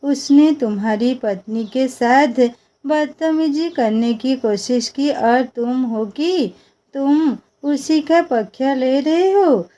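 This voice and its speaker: A woman's voice: high-pitched, takes it slowly, warm tone, poor audio. A woman voicing a young wife who argues and stands her ground in a storybook reading. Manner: pleading then defiant.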